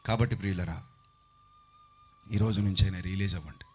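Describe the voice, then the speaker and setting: A man preaching a sermon into a handheld mic on stage, impassioned, swinging from loud outbursts to hushed pleading. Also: deep voice, fairly even intonation, a little fast, breathy edge, faint music behind.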